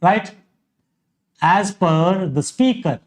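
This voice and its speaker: Male Telugu-accented teacher, high pitch, unhurried, lists words one by one. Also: expressive. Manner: slow, repeats examples and lists word by word. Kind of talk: grammar lesson.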